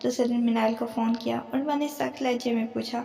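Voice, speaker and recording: A woman storyteller reading a story aloud with a plain, steady delivery. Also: a little high, creaky. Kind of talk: scripted story narration. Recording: echoey room with long reverb.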